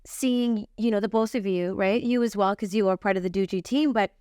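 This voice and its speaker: A woman's voice: medium pitch, fairly quick, mellow, clean tone, dry recording, studio quality. A woman, an interior designer who is the guest on a podcast, talks earnestly and emphatically, often restarting her sentences. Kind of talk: casual conversation.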